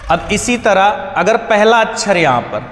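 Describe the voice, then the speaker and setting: A man's voice: high-pitched, very animated, a little slow, fairly bright tone. A male teacher giving a grammar lesson, asking questions and answering them himself. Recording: echoey hall sound.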